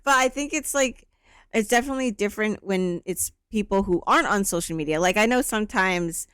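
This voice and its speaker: A woman in her thirties co-hosts a podcast, chatting casually in an easygoing, rambling way with plenty of fillers. Her medium-pitched voice is smooth and fairly bright, a little fast, and the recording is studio quality with no echo.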